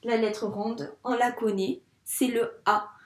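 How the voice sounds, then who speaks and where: A woman's voice: a little high, fairly even intonation, slow pace, slight background noise. A woman teaching a lesson for young children, patient and encouraging, spelling out each step. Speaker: primary school teacher. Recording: echoey room.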